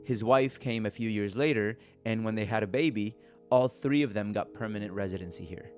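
A man reporting and hosting, telling a documentary story in a steady, earnest way. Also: fairly low pitch, brisk, faint music behind. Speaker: podcast reporter and host. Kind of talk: documentary podcast narration.

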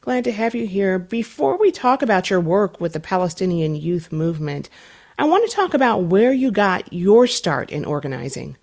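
Woman radio host, mid pitch, measured and scripted. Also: very animated, darkish tone. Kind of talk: public radio interview.

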